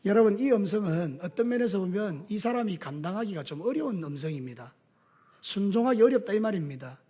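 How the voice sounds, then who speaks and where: A man with a Gyeongsang Korean accent preaching a sermon as a pastor, animated, mixing homely stories with call-and-response in a church. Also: sits high, fairly quick, breathy edge.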